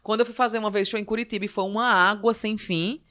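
A woman from Northeast Brazil with a Northeastern Brazilian accent, a stand-up comedian telling stories in a casual podcast chat, animated and full of acted quotes. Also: medium pitch, quick pace.

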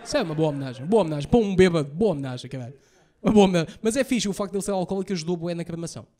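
A young man with a European Portuguese accent doing a stand-up set, telling profane stories rapid-fire and acting out the lines he quotes. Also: on the high side, expressive, warm tone. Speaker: stand-up comedian. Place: comedy stage before a live audience.

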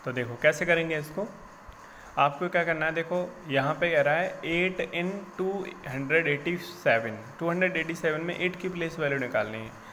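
A man's voice: a little high, normal speed, bright, forceful tone, a little hiss or hum. A man teaching a recorded math lesson to children, patiently repeating each step and reassuring them it is simple.

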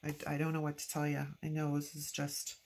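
A planner-decorating vlogger with a stuffy nose from allergies narrates her crafting in a low, gravelly, monotone voice at a brisk pace. She's chatty and talks to herself while working at a craft table filmed from overhead, with noticeable background noise.

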